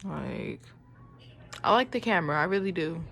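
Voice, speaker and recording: Her voice is low-ish, gravelly and a bit bright, with lively intonation and a normal pace. Filming a home vlog indoors on a phone camera, this woman in her twenties chats freely to the lens, using lots of fillers and playful exclamations.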